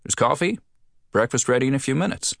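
A man's voice: mid-range voice, lively intonation, fast talker, creaky, fairly bright tone, dry recording, clean studio sound, voice pushed up. A male audiobook reader voicing a chatty, cheerful frontier restaurant keeper with a lifted voice.

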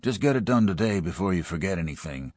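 A man voicing a gruff, weary middle-aged small-town sheriff giving orders. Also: low voice, animated, fast, a little mellow, no echo. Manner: gruff, commanding.

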